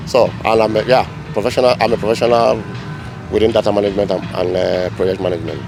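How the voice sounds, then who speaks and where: An older man from Nigeria giving a measured, formal street interview on a city street, into a handheld mic. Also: on the low side, steady tone, vocal fry, music in the background. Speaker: interviewee, data professional. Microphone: handheld mic held by interviewer.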